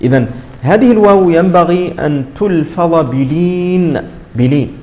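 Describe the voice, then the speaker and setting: Patient man teaching Quran recitation, fairly high-pitched. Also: a little mellow. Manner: explains patiently, repeating words slowly to model pronunciation. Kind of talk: tajweed lesson.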